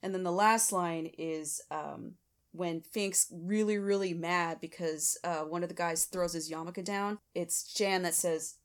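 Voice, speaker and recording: A woman's voice: lowish voice, steady tone, a little slow. A woman co-hosting a podcast, casually reviewing a comedy film and thoughtfully explaining her favorite and least favorite lines. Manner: thoughtful, explains her picks, light laughter. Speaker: podcast co-host.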